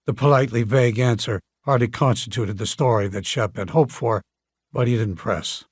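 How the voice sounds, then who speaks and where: A man narrating an audiobook in a measured storytelling manner. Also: mid-range voice, breathy edge, no echo, studio quality. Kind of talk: scripted narration.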